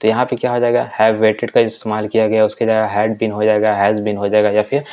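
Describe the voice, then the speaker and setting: A man teaching an exam-prep lesson, asking and answering his own questions and reading quiz items aloud slowly. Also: lowish voice, monotone. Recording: dull lo-fi audio.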